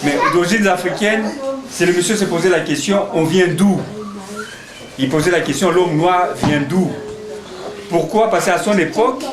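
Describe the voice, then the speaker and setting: A man's voice: sits high, moderate pace. A man, a singing-school teacher talking with children in class, asking questions, encouraging them and laughing often. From Congo. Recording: echoey room with children's crowd noise.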